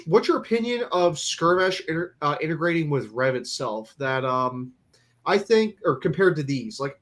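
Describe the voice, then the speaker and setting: A man's voice: on the high side, fairly bright tone. Rambling male podcast host. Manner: rambling, hesitant, lots of fillers. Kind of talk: casual chat.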